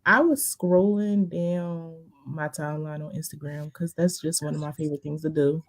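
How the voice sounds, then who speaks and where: A woman guest on a podcast, telling a story in a relaxed, casual way. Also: low voice, moderate pace.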